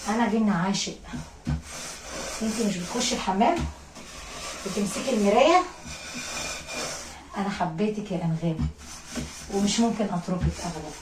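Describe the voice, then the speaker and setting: A woman's voice: mid-range voice, moderate pace, long pauses, roomy sound, distant mic, noisy background, natural voice. A woman playing a possessive Egyptian jinn king. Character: possessive male jinn king, obsessive lover.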